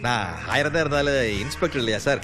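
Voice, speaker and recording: An actor playing a lazy, sarcastic police inspector who rambles through excuses in a film comedy. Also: male voice, medium pitch, fast, over music, natural voice.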